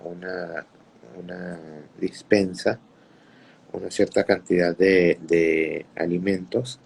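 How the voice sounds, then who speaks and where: A male preacher telling religious stories to listeners in an unhurried way, often repeating words while he searches for the next one. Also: deep voice, gravelly, warm tone, husky. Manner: greets listeners mid-talk. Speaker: Islamic preacher. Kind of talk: religious storytelling talk.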